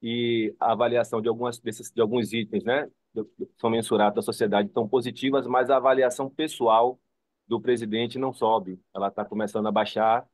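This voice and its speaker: A man's voice: mid-range voice, little pitch movement, a little fast, no room sound. A man with a Bahian Brazilian accent, making an informal, rambling comment as a participant in an online seminar. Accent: Bahian Brazilian Portuguese. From Salvador, Bahia, Brazil. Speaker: seminar participant, psychoanalysis student.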